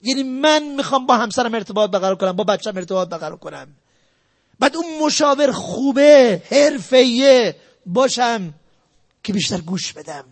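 A man giving a sales lecture, emphatic and repetitive, jumping between loud stresses and quiet asides. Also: very high-pitched, animated. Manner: emphatic, repetitive, talks straight to the audience. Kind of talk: motivational lecture.

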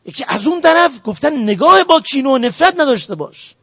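Brief: male preacher with a very high voice, earnest and exhortative, dry close sound. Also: big pitch swings, sharp tone, no room sound. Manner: earnest, exhorting the audience directly. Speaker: religious lecturer. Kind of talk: sermon on family ethics.

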